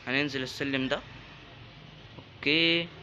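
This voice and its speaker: A man's voice: medium pitch, normal speed, highs cut off, a little hiss or hum. A young man with an Egyptian Arabic accent, commenting casually on a video game he is playing, joking and yelping at enemies. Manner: jokey, bursts into excited yelps at enemies. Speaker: gaming YouTuber. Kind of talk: let's-play commentary.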